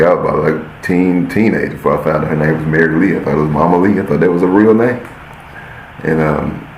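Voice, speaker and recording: A man with a very low, gravelly voice tells a story on his podcast in a loose, casual way, calling out "y'all" to his listeners and acting out each scene. The sound is roomy and echoey, with a faint hiss underneath. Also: highs cut off. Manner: addresses listeners as "y'all", acts out scenes while telling. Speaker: podcast host.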